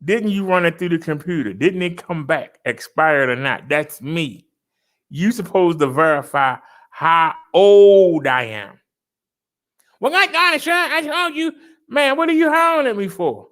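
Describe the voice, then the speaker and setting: This fifties-aged vlogger delivers an argumentative, repetitive rant in a loose monologue. He speaks a little slowly, his fairly high voice swinging widely in pitch.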